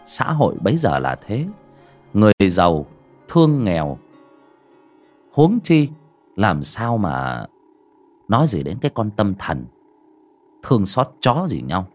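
A man's voice: lowish voice, sing-song, unhurried, pauses often, a little mellow. A man narrating a horror story in a dramatic storytelling manner with colloquial asides. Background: faint music.

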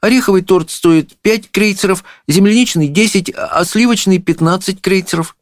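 A man puts on a naive, kind-hearted princess from a storybook, her voice pushed very high and light. She speaks sweetly and simply, without guile. The recording is dry and close. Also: normal speed, no room sound, close to an everyday voice. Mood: artless.

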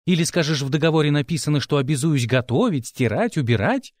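A man's voice: a little high, lively intonation, quick pace, darkish tone, no room sound, clean studio sound. A man voicing a stubborn, defiant young woman reporter who argues back in an audiobook. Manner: indignant, argumentative. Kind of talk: audiobook character voice.

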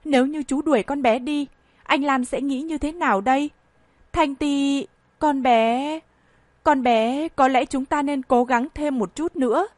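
A woman's voice: high voice, unhurried, no room sound. A woman reading an audiobook voices a scheming woman who pleads in a self-pitying, tearful way. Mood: pleading.

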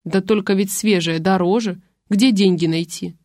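This is a harried young mother, worn down and snapping back at her husband, as a woman reads her out. Her delivery is sharp and sits close and dry. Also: medium pitch, steady tone, normal speed, no room sound, close to an everyday voice. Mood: aggrieved.

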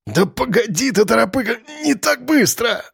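A man's voice: very high-pitched, sing-song, normal speed, gravelly, a bit bright, slightly rough, no echo, clean studio sound, pitched above the performer's own voice, heavily acted. A man voicing a lecherous young male convict in an audiobook, with a strained, wheezing voice. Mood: choking panic.

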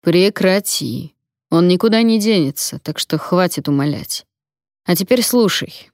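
A sneering, short-tempered male gang boss who barks orders and mocks his captive, read by a woman narrator. The voice sits fairly low and sounds close and dry, with no room around it. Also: expressive, a little slow, darkish tone, no room sound. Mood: threatening. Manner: barking, mocking. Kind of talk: audiobook character reading.

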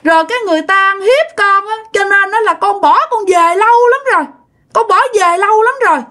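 A woman's voice: very high voice, a little fast, bright, forceful tone, pitched above the performer's own voice. A woman voicing a sulky, sobbing toddler spirit speaking through a medium, whiny and childlike.

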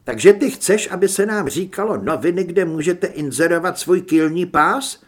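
A man reading an audiobook, voicing a sharp, practical young woman who edits a newspaper. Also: sits high, pitched above the performer's own voice. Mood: insistent.

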